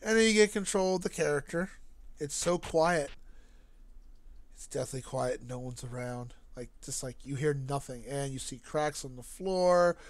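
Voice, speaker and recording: A man streaming and casually commenting on a game he made. He talks in a chatty, jokey way and often gets animated. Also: a little high, moderate pace, dry recording. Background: faint game music.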